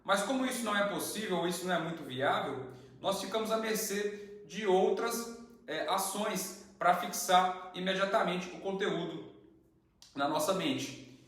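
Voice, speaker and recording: A man's voice: sits high, normal speed. A young man teaching a lesson, explaining step by step with examples and rhetorical questions. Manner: didactic, steady, uses worked examples and rhetorical questions. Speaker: channel host and study teacher. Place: indoor room with tiled floor. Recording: very echoey room.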